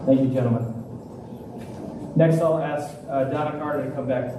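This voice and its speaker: A man's voice: medium pitch, fairly even intonation, normal speed. A man hosting an awards ceremony, making informal announcements between presenters. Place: large echoey room at a live ceremony. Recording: echoey hall, distant mic, noisy.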